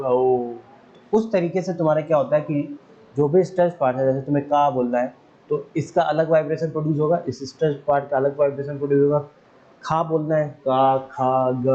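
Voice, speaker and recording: Man, casual teacher, mellow voice, mimics instrument sounds, dull lo-fi audio. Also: on the high side. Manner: chatty, admits forgetting, imitates instrument sounds. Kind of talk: casual classroom lesson.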